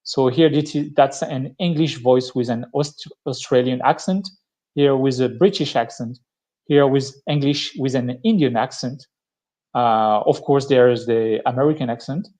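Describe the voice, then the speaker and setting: A man's voice: mid-range voice, a little mellow. French-accented man explaining a tech demo. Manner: explanatory, thinking aloud with many pauses. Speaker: tech speaker giving a live demo. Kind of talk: live-streamed tech presentation.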